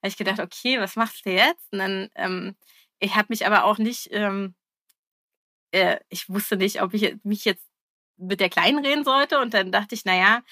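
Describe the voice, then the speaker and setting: A woman's voice: medium pitch, normal speed, bright, forceful tone, no echo, clean studio sound. A woman, a mother, telling a story about her child in a hesitant way, with many fillers and frequent laughs. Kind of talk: casual storytelling.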